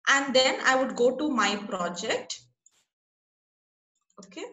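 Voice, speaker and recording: Bright, high-voiced woman teaching online. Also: animated, slow, echoey room. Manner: patient, checks in often with the class. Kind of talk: online class instruction. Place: online class over a video call.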